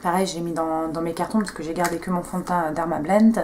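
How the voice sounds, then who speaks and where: A woman's voice: fairly low pitch, fairly even intonation, brisk, darkish tone, slight background noise. A young woman chatting casually as she talks viewers through a makeup tutorial, joking at her own expense. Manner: chatty, self-mocking, talks viewers through each step. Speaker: beauty vlogger.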